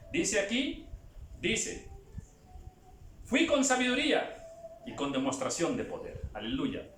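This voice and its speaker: High, lively preaching man, echoey. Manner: swings from hushed to loud, acts out other voices. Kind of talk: sermon. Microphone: camera at a distance.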